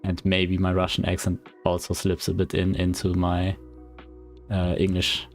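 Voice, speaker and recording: Faint music plays behind this deep male voice, which is completely flat and measured in pace. He's an indie game developer with a German accent, streaming and talking casually in a rambling, hesitating way.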